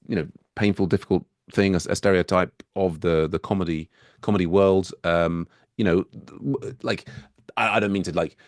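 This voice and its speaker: A man with a London accent hosting a casual interview, quick and excitable, with hesitant restarts when he asks his questions. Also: lowish voice, no room sound, clean studio sound. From England. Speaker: podcast host.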